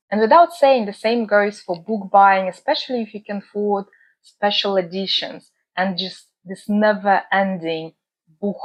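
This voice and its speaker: A Russian woman with a medium-pitched voice speaks earnestly and thoughtfully to the viewers of her book channel, talking reflectively to camera from her home in the UK. She is measured, pausing frequently with "uh." The audio sounds dull.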